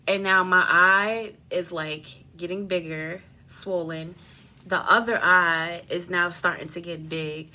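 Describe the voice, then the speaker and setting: A young adult woman telling a personal story in a casual, animated way, swearing freely and using lots of fillers. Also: on the low side. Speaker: beauty vlogger.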